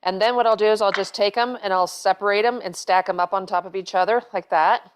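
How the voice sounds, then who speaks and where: A middle-aged woman, a cooking show host and chef, talks fast in a steady, medium-pitched voice during a home-kitchen demo. The lapel mic picks up a little hiss or hum as she rambles casually with fillers and false starts.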